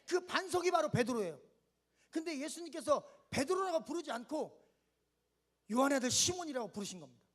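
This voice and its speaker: A man's voice: extremely high pitch, big pitch swings, a little fast, a bit bright. A man preaching a sermon at a winter camp, leading the congregation to repeat lines and answer amen. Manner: asks questions and answers them himself in short steps. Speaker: pastor.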